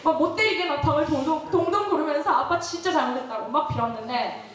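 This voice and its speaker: A woman's voice: sits high, fast, fairly bright tone. A young woman giving a sermon, telling a personal story with laughter and questions to the listeners. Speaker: speaker. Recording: very echoey hall, distant mic.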